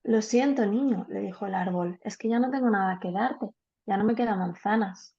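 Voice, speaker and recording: A woman voicing a gentle, selfless giving tree in a storybook reading. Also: medium pitch, normal speed, creaky, lo-fi sound, natural voice. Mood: tender.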